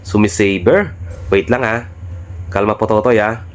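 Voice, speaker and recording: A man's voice: lowish voice, measured pace, faint music behind. Brash, cocky young man trash-talking. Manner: brash trash talk, swearing, bossing teammates; repetitive calls, tag word after most phrases. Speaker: gaming streamer. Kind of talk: live mobile game commentary.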